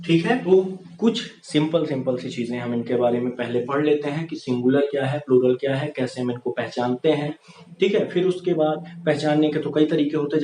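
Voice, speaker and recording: A man teaching English grammar, asking questions and answering them himself. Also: mid-range voice. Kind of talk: classroom-style grammar lesson. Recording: echoey room, far from the mic, with noise.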